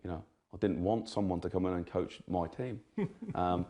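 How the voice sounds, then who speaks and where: A man's voice: sits low, moderate pace, mellow. A man in his forties from England, a rugby coach answering interview questions hesitantly, with many ums and laughing asides.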